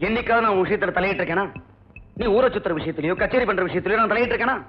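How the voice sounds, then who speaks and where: A man's voice: high-pitched, rapid-fire, lightly acted. A stern middle-aged lawyer father, played by an actor, scolds his son in blustering outbursts. It is 1980s film dialogue on a dull, muffled soundtrack. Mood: scolding.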